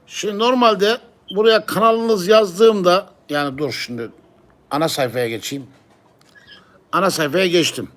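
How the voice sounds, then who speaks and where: A man's voice: sits high, a little slow, a bit bright. A man in casual conversation, explaining things step by step and often repeating himself. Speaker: pigeon live-stream channel owner. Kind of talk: casual chat.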